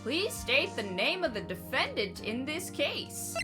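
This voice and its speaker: A woman's voice: sits high, sing-song, a little slow, over music, pitched above the performer's own voice. A woman voicing a stern, grumpy old male courtroom judge in a game, speaking formally in a put-on old man voice.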